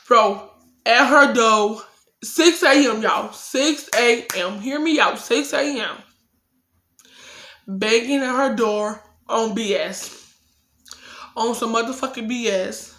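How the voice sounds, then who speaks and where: A woman's voice: on the high side, a bit bright, reverberant. A young woman telling a casual, profane storytime and acting out her own heated replies.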